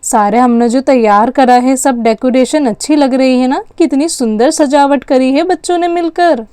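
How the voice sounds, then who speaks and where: A woman's voice: high-pitched, normal speed, mellow, clear, resonant tone, dry recording, studio quality, close to an everyday voice. A woman voicing a chatty young aunt in a doll story, eager and persuasive. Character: young sister-in-law aunt, chatty and bossy. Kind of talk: storytelling with dolls.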